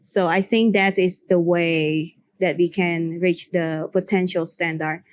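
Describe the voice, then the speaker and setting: A woman's voice: fairly low pitch, fairly even intonation, unhurried. A young woman from Cambodia, a makeup artist answering an interview question and giving earnest, encouraging advice in with frequent restarts. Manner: earnest, encouraging, with restarts and broken English phrasing.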